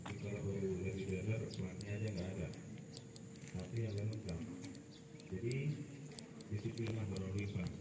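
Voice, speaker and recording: A man's voice: deep voice, fairly even intonation, normal speed, long pauses. A man firmly lecturing and correcting students at a school assembly, with casual asides. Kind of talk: lecturing, giving instructions. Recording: echoey, far from the mic, noisy.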